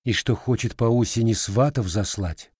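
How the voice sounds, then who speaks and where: A man's voice: medium pitch, moderate pace, darkish tone, husky, dry recording, clean studio sound, voice pushed up, lightly acted. A man voicing a sly, teasing young Cossack widow in a storybook reading, raising his voice for her. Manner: slightly raised, teasing folk speech.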